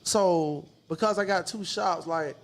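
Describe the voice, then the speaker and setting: A man's voice: high voice, measured pace, faint music behind. A man, chatting casually and laid-back with plenty of slang and swearing. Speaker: podcast panelist. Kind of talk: casual chat.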